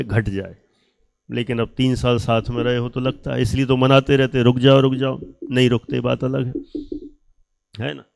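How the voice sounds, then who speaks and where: A man teaching a class of students, speaking slowly with emphasis, asking them questions and acting out things people say. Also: medium pitch, vocal fry, a little mellow. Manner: acts out quoted speech of others.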